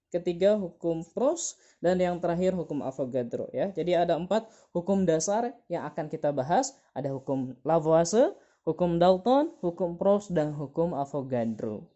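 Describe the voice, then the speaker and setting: A woman's voice: deep voice, dark tone, lo-fi sound. A woman teacher giving an online chemistry lesson, patient and repeating key terms with many fillers.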